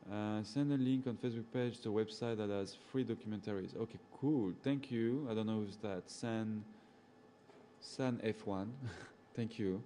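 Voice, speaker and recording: A fairly low-pitched man with a French accent, a safari guide of French-speaking background, moves at a moderate pace while chatting with his live audience. He reads comments aloud, replies by name and laughs often, with a little hiss or hum on the track.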